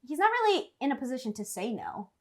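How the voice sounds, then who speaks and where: A woman's voice: high voice, sing-song, fast talker, darkish tone. A woman co-hosting a podcast, chatting casually about films with many filler words. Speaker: podcast co-host. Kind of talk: casual film discussion.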